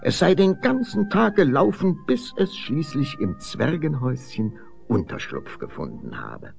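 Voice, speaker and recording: A man reading a fairy tale aloud with expressive, sweeping storytelling. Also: on the high side, unhurried, creaky, soft background music.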